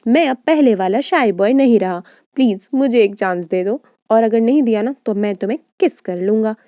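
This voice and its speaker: A pleading young man in a romance drama recap, as a woman reads his lines. The voice is higher and mellow, and the recording is dry and close. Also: moderate pace, no echo, close to an everyday voice. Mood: earnest. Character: young man, shy boy turned bold suitor.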